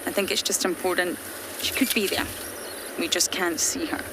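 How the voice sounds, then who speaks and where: Bush ambience and vehicle noise surround this Scottish safari guide as she talks earnestly to viewers during a live game drive from an open vehicle at dusk. She has a Scottish accent and a lowish voice with fairly even intonation, keeping a moderate pace.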